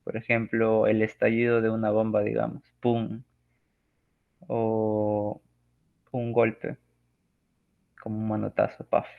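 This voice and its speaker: Gravelly man presenting class slides. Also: on the low side, completely flat delivery, unhurried, pauses often. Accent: Peruvian Spanish. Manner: casual, joking, acts out sound examples. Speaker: student presenter. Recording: phone-like lo-fi audio.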